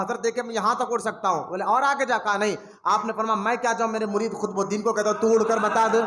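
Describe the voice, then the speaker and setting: A man preaching a sermon at a religious gathering, telling stories with passion and rising to shouted emphasis as he calls on the audience to respond. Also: extremely high pitch, roomy sound. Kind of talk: sermon storytelling.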